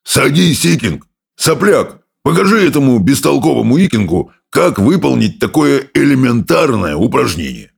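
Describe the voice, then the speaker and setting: A man voicing a loud, bossy adult Viking teacher who roars his orders, in a rough, gravelly voice. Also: mid-range voice, big pitch swings, moderate pace, pitched above the performer's own voice, full character voice. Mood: shouting. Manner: roaring, barking orders. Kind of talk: audiobook character voice.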